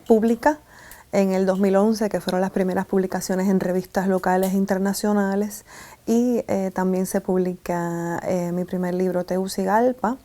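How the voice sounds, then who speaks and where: Soft-toned Puerto Rican woman, unhurried and hesitant. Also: mid-range voice, steady tone. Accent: Puerto Rican Spanish. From Puerto Rico. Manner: measured, with many hesitant fillers. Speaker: writer and poet. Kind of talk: conversational interview answer.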